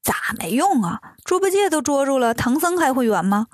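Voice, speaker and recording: A woman voicing a boastful, scheming male demon king in a children's story, with a sly, slow drawl. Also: high-pitched, big pitch swings, no echo, studio quality. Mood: cocky.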